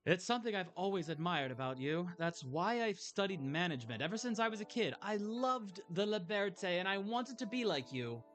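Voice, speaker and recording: A man's voice: sits high, big pitch swings, fairly quick, hardly any pauses, fairly bright tone, soft background music, pitched above the performer's own voice. A man voicing an earnest young woman café manager, reading game dialogue aloud in a heartfelt way.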